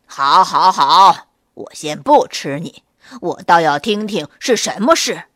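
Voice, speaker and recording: A woman voicing a big, hungry male gray wolf in a children's story, loud and blustering, slow to catch on. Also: fairly low pitch, animated, no room sound, studio quality, voice pushed down. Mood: gruff.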